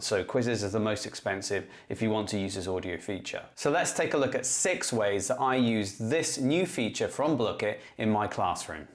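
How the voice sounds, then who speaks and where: A man who teaches English, talking through a step-by-step tutorial in a clear, methodical way. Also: mid-range voice. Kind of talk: classroom-tech tutorial explanation.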